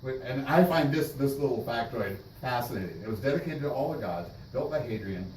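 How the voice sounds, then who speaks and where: A man leading a casual church class discussion, thoughtful and halting, with many restarts. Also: medium pitch, expressive, darkish tone. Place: church meeting room. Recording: echoey room, distant mic, noisy.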